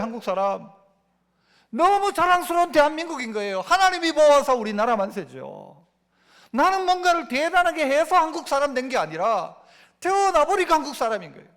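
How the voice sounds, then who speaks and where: A pastor in his fifties delivers an animated sermon. His voice sits unusually high for a man. He keeps turning to the congregation with questions.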